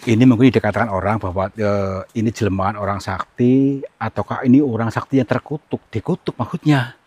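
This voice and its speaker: A man, from Central Java, hosting a ghost-hunting vlog outdoors in a forest, giving hushed commentary and coaxing with repeated soothing words. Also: lowish voice, fairly quick, husky. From Central Java, Indonesia. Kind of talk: hushed on-location exploration commentary.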